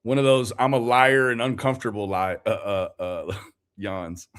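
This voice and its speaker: A man's voice: on the low side, little pitch movement, normal speed, a bit bright, clean tone. A man giving mocking commentary over a clip, laughing often as he teases the people in it. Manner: laughs often, teasing and sarcastic. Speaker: streamer reacting to a call.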